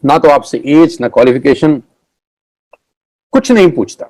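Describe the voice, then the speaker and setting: A man giving a motivational network marketing talk, using dramatic pauses, repeating key lines and mixing in English phrases. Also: medium pitch, expressive, a little mellow, dry recording, poor audio.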